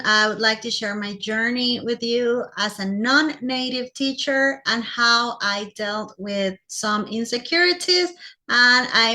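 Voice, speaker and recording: Speaking with a sharp tone in a voice on the high side, a woman from Costa Rica presents personally to other teachers. She is a teacher herself, and her English carries a Costa Rican Spanish accent.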